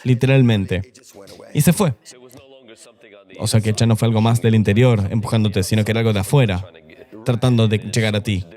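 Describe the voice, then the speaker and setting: A man's voice: fairly low pitch, steady tone, moderate pace, pauses often, a little mellow. A middle-aged man, a pastor, telling his personal testimony in an earnest, confessional way during an interview.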